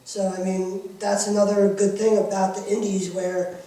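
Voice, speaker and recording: A man's voice: high voice, little pitch movement, moderate pace, mellow. A man chatting casually and informally in an interview, promoting a wrestling show, with frequent filler phrases. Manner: talkative, informal, repeatedly saying "you know". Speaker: independent wrestling worker being interviewed. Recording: very echoey room, distant mic.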